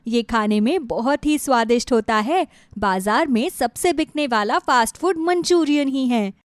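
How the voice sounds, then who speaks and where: A woman's voice: on the high side, lively intonation, moderate pace, no room sound, studio quality, lightly acted. A woman voicing a distraught young bride in a storybook tale, speaking in a tearful, pleading manner. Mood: eager.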